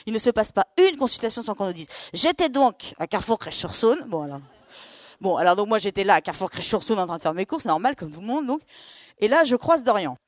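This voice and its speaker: Quick-talking therapist lady from france, animated storytelling, dry close sound. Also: mid-range voice, no room sound. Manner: lively, acts out dialogue with quick asides. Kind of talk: storytelling talk to an audience.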